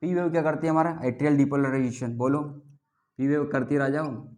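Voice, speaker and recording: A male biology teacher leads a classroom lecture in call-and-response, having students chant terms back after him. His voice sits at a middle pitch, and he keeps up a teasing, playful patter as he mixes with terms. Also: steady tone, a little fast, a little mellow.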